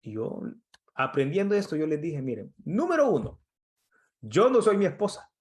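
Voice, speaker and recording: A man's voice: a little high, huge pitch swings, normal speed, darkish tone, slightly rough. A middle-aged man from El Salvador, giving an earnest, conversational motivational talk as an emotional intelligence coach and acting out quoted dialogue.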